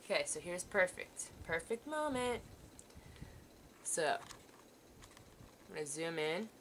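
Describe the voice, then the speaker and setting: This art teacher's sewing demonstration is very animated yet slow, as she shows students how to sew a seam at a table filmed from above. Her voice is bright and a little low, her manner patient and reassuring while her hands work. A faint hiss lies under the audio.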